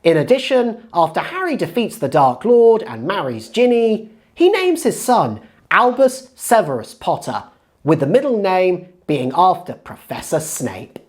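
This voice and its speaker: Her voice fairly low, very animated and a little mellow, a woman narrates a script for a writing-tips video. The delivery is measured and strongly emphatic.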